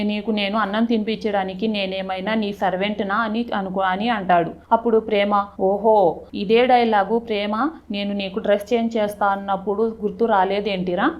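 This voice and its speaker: Female recapper, mid pitch, chatty retelling of a TV serial with quoted dialogue. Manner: quick retelling with frequent restarts and self-corrections.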